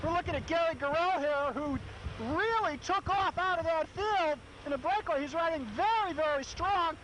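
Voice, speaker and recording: A man's voice: extremely high pitch, moderate pace, a bit bright, poor audio. A man giving casual live commentary on a bike race, heard through old camcorder audio outdoors. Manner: casual, filler-heavy narration. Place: outdoors beside a race course. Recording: wind-blasted camcorder mic outdoors.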